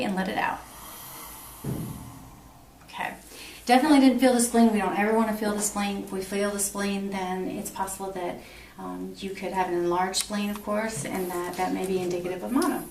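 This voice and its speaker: Her mid-range voice is creaky and a little mellow, fairly quick, with mostly even intonation. She's a middle-aged nursing instructor narrating each step of a clinical exam demonstration to the patient in a small block-walled room, captured by a camera mic a few feet away that sounds roomy and distant with slight noise.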